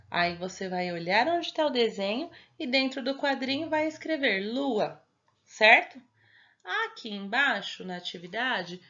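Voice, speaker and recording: A woman's voice: a little high, a bit bright. Patient Brazilian woman teacher, dull lo-fi audio. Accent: Brazilian Portuguese. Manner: patient, step-by-step explaining with frequent checking questions. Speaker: primary school teacher. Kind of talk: recorded homework instructions for young children.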